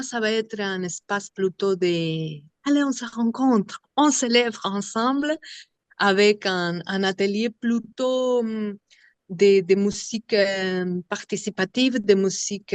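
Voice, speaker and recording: A woman from Argentina with an Argentine Spanish accent, a Spanish native speaker, talking slowly in an interview about her vocal workshops and searching for words often. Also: mid-range voice, dry recording. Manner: halting, searching for words, many fillers. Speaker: singer and vocal workshop leader.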